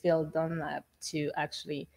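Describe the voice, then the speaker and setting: A middle-aged woman from Haiti, an exhibition curator, speaking in a measured, reflective way on a panel in a gallery. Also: low-pitched, little pitch movement, creaky, darkish tone. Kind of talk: panel discussion. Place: art gallery room, indoors.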